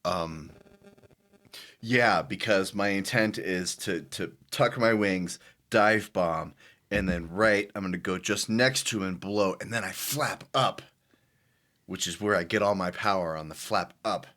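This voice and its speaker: A man playing a tabletop game, excitable and dramatic, often laughing. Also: deep voice, unhurried. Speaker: player.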